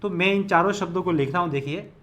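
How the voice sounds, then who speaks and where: A man's voice: high-pitched, fast, fairly bright tone. A male Hindi lecturer teaching an exam-prep lesson, explaining each step methodically and repeating it while he writes.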